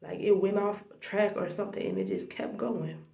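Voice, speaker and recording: A heartfelt, tearful faith vlogger speaks straight to the viewers about a dream, at times sinking into a whisper. The voice is gravelly and mellow. It bounces off the hard walls of a small, echoey bathroom. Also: mid-range voice, steady tone, moderate pace. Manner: heartfelt, addresses viewers directly, sometimes drops to a whisper. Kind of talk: emotional spiritual testimony to camera.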